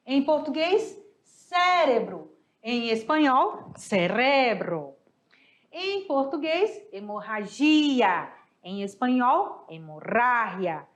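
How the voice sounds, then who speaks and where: High-voiced chatty teacher woman. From Brazil. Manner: affectionate, chatty, addresses students as "galera"; explains step by step, repeats examples in pairs. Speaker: Spanish teacher. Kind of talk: recorded online review lesson.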